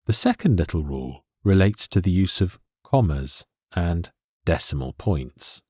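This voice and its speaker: A man reads a scripted English lesson in a deep voice that rises and falls a great deal. He takes his time, setting out each rule slowly and clearly. The sound is dry and close to the mic. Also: lively intonation, a little mellow, no echo. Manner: slow, clear and deliberate explanation. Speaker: English teacher.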